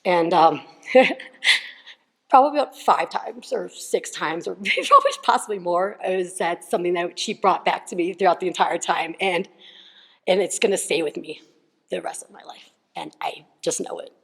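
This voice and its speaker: Shaky young woman, gravelly, in a hall. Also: fairly low pitch. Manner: tearful, laughing, halting with many fillers. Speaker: retreat participant. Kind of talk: emotional personal testimony. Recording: long hall reverb.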